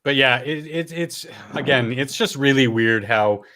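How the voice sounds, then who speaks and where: A Canadian man co-hosting a casual chat, teasing and joking, with halting restarts. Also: medium pitch, bright, forceful tone. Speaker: co-host.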